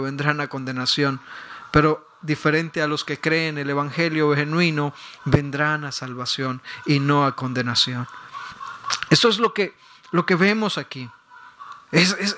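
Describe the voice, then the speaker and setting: Emphatic preaching man, high bright voice. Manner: emphatic, rises to loud peaks and repeats words. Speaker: pastor. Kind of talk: sermon.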